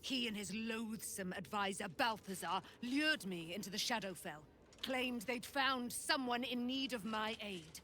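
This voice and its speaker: Slow, grand, declaiming warrior woman. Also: a little high, sharp tone, a little hiss or hum. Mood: bitter, grieving. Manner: grand, declamatory, archaic phrasing. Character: exalted female warrior, grand, devout and vengeful. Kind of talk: video game dialogue, theatrical declamation. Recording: music behind the voice.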